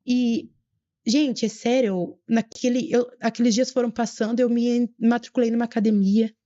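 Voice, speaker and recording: Earnest woman, warm voice. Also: fairly high pitch, fairly even intonation, highs cut off. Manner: earnest, fervent storytelling, often slowing down for emphasis. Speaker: podcast guest. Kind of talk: emotional personal testimony.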